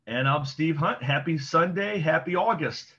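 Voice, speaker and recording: A man talks politics in an easygoing, conversational way and thinks aloud as he goes. His voice is slightly husky. It comes through dull, muffled remote call audio. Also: fairly high pitch, lively intonation, moderate pace, bright, forceful tone. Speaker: podcast co-host. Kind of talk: casual political chat.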